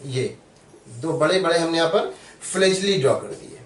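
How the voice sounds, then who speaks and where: A man with a fairly high voice guides viewers through a drawing, patient and repetitive. He spells out key terms and says them again. The mic sits some way off in an echoey room. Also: lively intonation, moderate pace, distant mic. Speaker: biology teacher. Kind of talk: step-by-step drawing tutorial.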